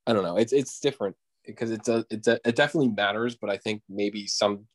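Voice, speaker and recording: A man's voice: lowish voice, fast talker. A young man in casual sports chat, hesitant and filler-heavy, hedging his points. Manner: hesitant, full of "um" and "like", laughs often. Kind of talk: casual fantasy football chat.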